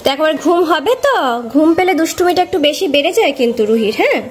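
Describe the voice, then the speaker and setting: A woman from West Bengal, hoarse with a cold, chatting to her vlog audience and gently coaxing her small daughter at home. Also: high-pitched, sing-song, quick pace. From West Bengal, India. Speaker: vlogger mother. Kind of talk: casual home vlog talk to camera and child.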